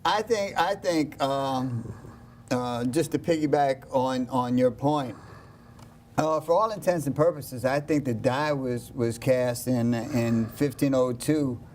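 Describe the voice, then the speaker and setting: A man on a studio panel who talks in a hesitant way, with many pauses and restarts. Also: medium pitch, a little mellow, slight background noise. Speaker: host.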